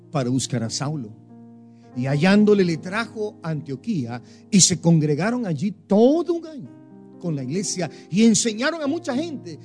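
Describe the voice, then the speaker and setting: Brief: male pastor, fairly high mellow voice, dramatic sermon delivery, soft music underneath. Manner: emphatic preaching with wide swings in pitch and loudness.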